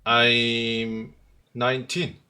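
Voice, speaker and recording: A man, chatting flirtatiously on a video call in halting, broken English. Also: mid-range voice, little pitch movement, sharp tone. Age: 30s. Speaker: guest caller. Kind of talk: casual video call chat.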